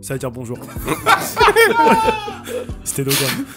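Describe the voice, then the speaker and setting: A man guest in a casual group chat, playful and quick to laugh. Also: mid-range voice, huge pitch swings, over loud music.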